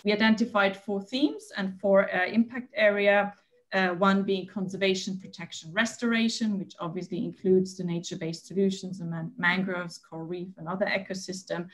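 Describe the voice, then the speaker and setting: A woman's voice: medium pitch, steady tone. Woman presenting at a conference panel. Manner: hurried, with frequent fillers and restarts.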